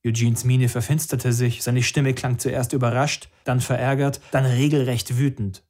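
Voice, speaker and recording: A man narrating a story in the first person. His delivery is dry and understated and keeps an even pitch. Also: normal speed. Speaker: audiobook narrator.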